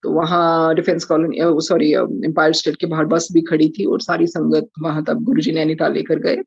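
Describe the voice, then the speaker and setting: A woman's voice: low voice, flat delivery, moderate pace, vocal fry, a little mellow, slightly rough, dry recording. Hesitant woman on video call. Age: middle-aged. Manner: mixes Hindi and English, many hesitant fillers. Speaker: devotee sharing testimony. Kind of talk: devotional testimony. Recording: dull, dry video call audio.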